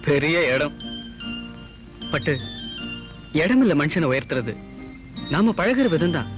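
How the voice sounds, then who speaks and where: A young man speaks softly and coaxingly to his beloved in a film romance. His voice sits a little high, and clear background music plays under the dialogue. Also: big pitch swings, slow pace. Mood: tender. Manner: gentle, coaxing. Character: young wealthy man courting a village girl, tender and coaxing. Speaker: romantic lead, suitor of a fisherwoman.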